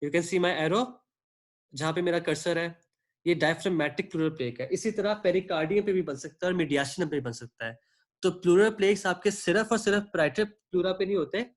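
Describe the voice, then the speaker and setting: A man teaching an online medical class, explaining at length and checking in often with his students. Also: high voice. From Pakistan. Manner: explanatory, checks in often with "theek hai", asks students for questions; clears his throat now and then. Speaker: medical lecturer. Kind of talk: online lecture mixing Hindi-Urdu and English.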